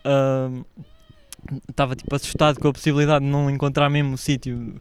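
Um homem jovem com sotaque português europeu, a contar uma história numa conversa descontraída de podcast, imitando as falas dos outros com animação. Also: male voice, medium pitch, fairly quick, clear, resonant tone, dry recording. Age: young adult. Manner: animated storytelling, acts out shouted quotes. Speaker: podcast guest telling a story. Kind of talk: casual podcast chat.

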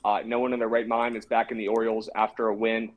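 A man's voice: lowish voice, level tone, quick pace, rough recording. A man co-hosting a casual sports betting show, talking through his picks with brash confidence.

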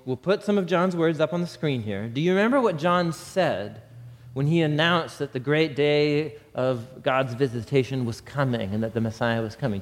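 A man giving a conversational Bible teaching, animated and putting rhetorical questions to his listeners. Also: a little high, big-room sound.

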